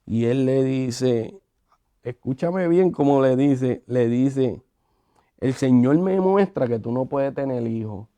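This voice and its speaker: A man telling his conversion story in a conversational, animated way, acting out the quotes. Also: mid-range voice, slow pace. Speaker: guest sharing his testimony. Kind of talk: conversational testimony.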